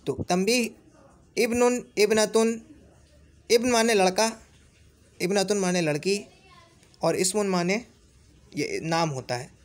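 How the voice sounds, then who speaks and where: A man teaching Arabic grammar in Urdu, repeating each example word slowly and checking in with "theek hai?". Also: high-pitched. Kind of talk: explaining a grammar lesson.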